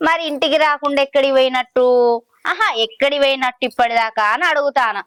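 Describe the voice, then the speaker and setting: A woman plays a needling village wife, full of dry sarcasm. Her high voice sounds close and dry. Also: fast, fairly bright tone, no room sound. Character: mocking village wife, the other of two.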